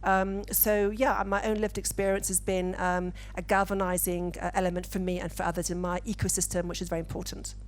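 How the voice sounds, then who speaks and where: Woman panelist from the UK, lowish flat delivery, handheld mic, measured. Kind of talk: panel discussion. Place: conference stage.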